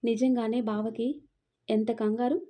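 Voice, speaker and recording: A woman narrating an audio story in a steady, expressive reading. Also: fairly high pitch, a little slow.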